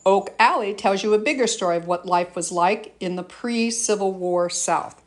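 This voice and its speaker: A woman's voice: mid-range voice, normal speed. A woman reading scripted educational narration in an explanatory manner, like a nature documentary for students, as a teacher presenting a lesson.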